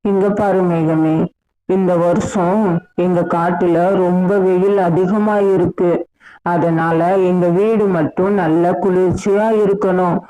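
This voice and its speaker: A woman's voice: lowish voice, steady tone, slow, mellow, highs cut off. Rani, a woman doing a scheming crow. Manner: commanding, crafty. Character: scheming bossy female crow.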